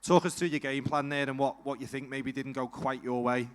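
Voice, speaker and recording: A man commentating a grappling event and interviewing fighters, loud and energetic with the crowd. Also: medium pitch, a little fast, clear, resonant tone. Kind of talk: live sports commentary and interviews.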